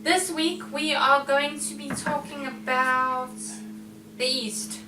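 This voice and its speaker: Chatty high-voiced South African woman. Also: fairly even intonation, slow, echoey room, distant mic, over music, low-quality recording. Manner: chatty, storytelling with lots of fillers. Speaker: vlog co-host. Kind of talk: casual chat.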